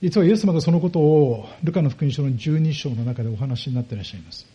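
A pastor preaching a sermon, explaining step by step and putting rhetorical questions to the congregation. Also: male voice, fairly high pitch, fast, warm tone, lo-fi sound.

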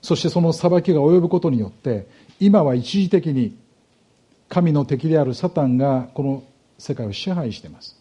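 Male pastor delivering an expository sermon; dark, husky voice, patient teaching manner. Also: on the high side, animated. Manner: explanatory, measured, with rhetorical questions to the congregation.

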